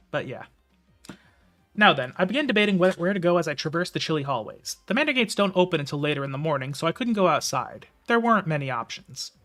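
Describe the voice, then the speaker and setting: A man's voice: a little high, fairly bright tone. Casual rambling male streamer. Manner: casual, rambling, with filler words. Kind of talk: live reading and casual commentary.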